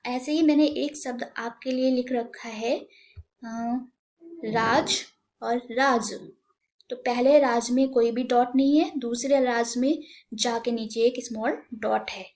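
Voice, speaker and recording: Woman teacher doing an online class for little kids, patient, slips english words in, voice a bit high. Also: steady tone, unhurried, warm tone. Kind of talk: online class lesson for young children.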